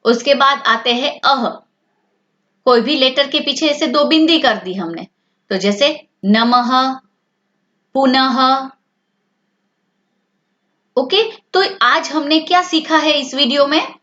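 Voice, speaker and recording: A woman's voice: sits high, takes it slowly, long pauses, bright, forceful tone. A woman teaching a language lesson to children, asking questions and then answering them herself. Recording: dull lo-fi sound.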